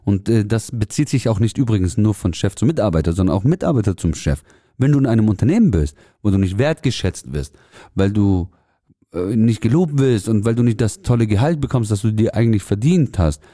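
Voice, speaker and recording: A man's voice: fairly low pitch, expressive, fairly quick, dark tone, dry recording, clean studio sound. A man who runs a salon, speaking earnestly and directly to the listener in a motivational podcast monologue about letting go. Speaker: salon owner giving advice to hairdressers.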